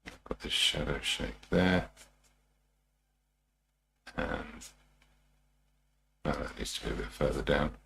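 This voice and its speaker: A man talking through a live demonstration as a painting instructor, informal and unhurried, muttering his thoughts to himself as he works. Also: a bass voice, gravelly, pushed and bright, slight background noise. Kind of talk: TV painting instructor style, musing aloud while demonstrating.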